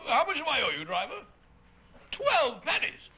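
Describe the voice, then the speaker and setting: A man's voice: very high voice, huge pitch swings, moderate pace, pushed and bright, exaggerated voice. A man voicing a pompous, stingy old puppet with a blustering, stammering delivery on a 1950s children's show. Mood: outraged. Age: older. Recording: dull, noisy 1950s television audio.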